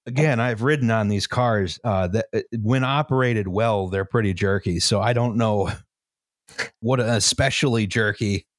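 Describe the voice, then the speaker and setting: In a dry, roomless recording, a man with a lowish voice hosts a casual history podcast at a moderate pace. His long explanations are packed with fillers, and he keeps ending lines with "right?"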